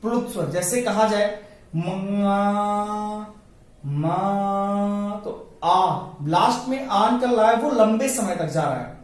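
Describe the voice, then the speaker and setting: A male teacher giving an exam-prep lecture, asking questions and answering them himself, stretching the vowel sounds slowly while writing on a board. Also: high voice, animated. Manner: addresses listeners as friends. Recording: very echoey room, voice from some distance to the mic.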